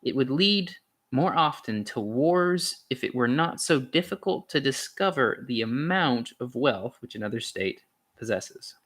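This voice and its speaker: An amateur reader, a man, reads a philosophy essay aloud casually, now and then stumbling and correcting himself. His voice is mid-range and fairly bright in tone, animated but a little slow.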